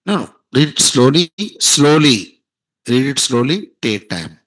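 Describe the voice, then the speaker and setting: A man's voice: mid-range voice, sing-song, measured pace, a bit bright, no room sound, low-quality recording. A man teaching a programming class, quizzing students and repeating key terms. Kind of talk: classroom lecture.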